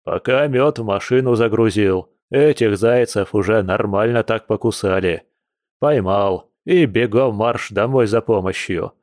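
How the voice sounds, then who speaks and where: A man's voice: fairly low pitch, a little slow, a little mellow, no echo, studio quality, natural voice. A man voicing a sly old male bear general who speaks in a weighty, self-justifying way in an audiobook.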